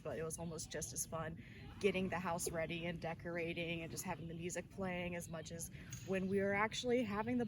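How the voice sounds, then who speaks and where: Chatty young woman, slightly low voice. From Birmingham, Alabama. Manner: chatty, listing details with fillers. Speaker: service corps member. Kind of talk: personal reflection to camera. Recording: distant mic, noisy background.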